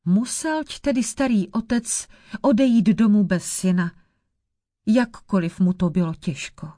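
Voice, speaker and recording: A woman reading an old fairy tale aloud in a measured, even way. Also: medium pitch, no room sound, clean studio sound. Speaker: storyteller.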